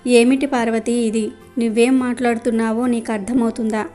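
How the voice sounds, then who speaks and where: A woman's voice: a little high, flat delivery, brisk, dark tone, faint music behind, natural voice. A woman voicing a poor, kind-hearted devout husband speaking in distress in a storybook reading. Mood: anguished. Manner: distressed, earnest.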